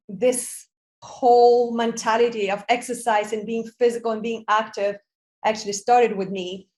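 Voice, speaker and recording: A woman's voice: a little high, darkish tone. Upbeat woman guest from Bulgaria. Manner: upbeat, enthusiastic. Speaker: podcast guest, Pilates instructor. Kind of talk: casual interview talk.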